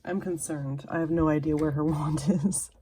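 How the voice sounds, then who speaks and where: A woman's voice: low voice, steady tone, normal speed, mellow, slight background noise. A woman reviewing and unboxing a collectible figure in casual, self-deprecating chat, drifting into whispers while she fiddles with it. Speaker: toy reviewer.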